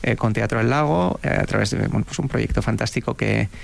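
Man, very gravelly voice, hesitant, lots of fillers, school representative. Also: on the low side, a little fast. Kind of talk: interview answers.

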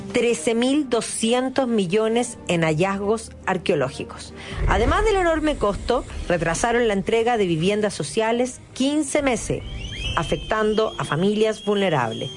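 A woman with a Chilean accent hosting a radio news discussion. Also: a little high. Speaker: radio show host.

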